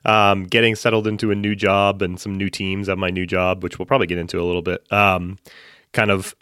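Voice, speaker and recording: A man from central Massachusetts, a podcast guest talking casually from his home basement, chatty and relaxed, with lots of fillers and restarts. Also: sits low, a little fast, smooth, no echo, clean studio sound. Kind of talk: casual interview chat.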